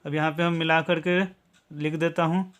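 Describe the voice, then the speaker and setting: A man's voice: a little high, level tone, moderate pace, fairly bright tone. A man from Bihar, India, teaching English to viewers in a patient, step-by-step classroom style, checking in with 'okay?' after nearly every point. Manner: patient step-by-step explaining, tags many lines with 'okay?'.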